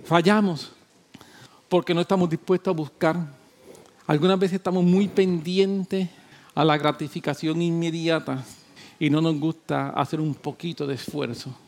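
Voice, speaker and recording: A man's voice: fairly high pitch, fairly even intonation, normal speed. Emphatic, repetitive male preacher. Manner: emphatic and repetitive, swinging between loud exhortation and quiet talk. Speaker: pastor. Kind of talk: sermon.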